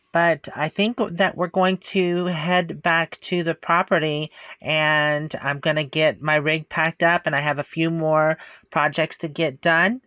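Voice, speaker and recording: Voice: mid-range voice, pushed and bright, no room sound, low-quality recording. An RV camping vlogger narrating casually outdoors and from a truck, chatting easily and talking to their dogs along the way. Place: outdoors and in a truck on forest roads.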